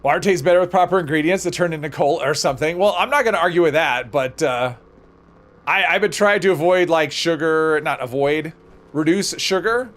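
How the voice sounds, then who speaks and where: A man's voice: a little high, a little fast, a bit bright. A man hosting a livestream, casually thinking aloud as he plays and rambling off into conversational asides. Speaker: livestream host.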